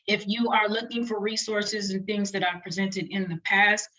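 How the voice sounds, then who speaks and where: A woman gives an online lecture with a bright, forward tone. She talks fast and chatty, speaking into a computer mic on a video call. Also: mid-range voice, flat delivery, rough recording. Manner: rapid, chatty, friendly lecturing. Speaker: webinar presenter for doctoral students.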